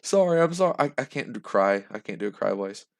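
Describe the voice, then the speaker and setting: A man voicing a crying eleven-year-old girl, with a high strained fake-sobbing voice. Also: fairly quick, vocal fry. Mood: tearful.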